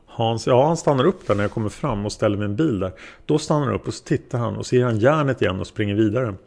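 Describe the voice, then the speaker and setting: A man reading the lines of a hesitant male taxi driver being questioned as a witness, in a plain, halting way. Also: medium pitch, gravelly, darkish tone. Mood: unsure. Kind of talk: read-aloud interrogation transcript.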